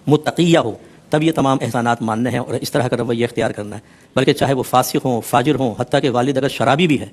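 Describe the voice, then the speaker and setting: A mid-pitched man speaking as an Islamic scholar, explaining a scriptural verse at length. He talks earnestly and patiently, adding teasing asides and dropping English words into his speech. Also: a little mellow. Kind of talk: religious discourse explaining a Quran verse.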